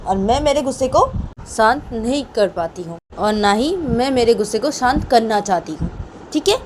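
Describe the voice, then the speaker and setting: A woman's voice: on the high side, lively intonation, moderate pace, a little mellow, a little hiss or hum, pitched above the performer's own voice, lightly acted, rough recording. A woman voicing a hot-tempered young wife who talks back shrilly and defiantly. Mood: furious.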